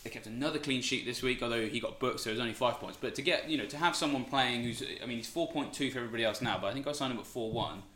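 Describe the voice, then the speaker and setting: A man's voice: mid-range voice, very fast, hardly any pauses, sharp tone, roomy sound, a little hiss or hum. A man co-hosting a podcast, chatting casually and rambling, with lots of fillers and restarts. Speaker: podcast co-host. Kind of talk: casual podcast chat about fantasy football.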